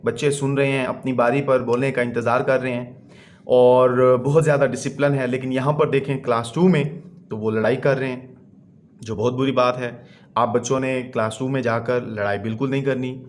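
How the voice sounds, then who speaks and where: A man's voice: medium pitch, fairly even intonation. Man teaching a class online. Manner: mixes Urdu explanation with slowly read English sentences. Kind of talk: online lesson explaining a textbook.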